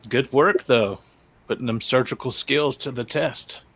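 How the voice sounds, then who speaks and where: A man's voice: medium pitch, unhurried, creaky, fairly bright tone, low-quality recording. A man playing a tabletop game, talking casually with wry banter. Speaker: player.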